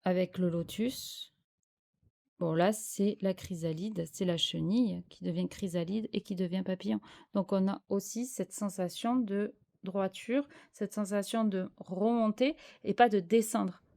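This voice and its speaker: A woman's voice: mid-range voice, steady tone, measured pace, gravelly, mellow. A French-speaking woman giving a spiritual tarot reading, hesitant and searching for words with many fillers. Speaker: tarot card reader.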